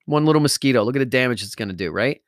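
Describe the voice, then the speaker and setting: A man's voice: medium pitch, lively intonation, racing, no room sound, studio quality. A man hosting a podcast, delivering an emphatic motivational monologue and repeating phrases for stress. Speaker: podcast host.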